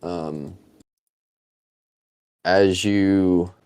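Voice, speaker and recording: Dungeon master, male, low and slow, gravelly, fills his narration with ums. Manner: relaxed, halting narration with many fillers. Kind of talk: narrating a tabletop game.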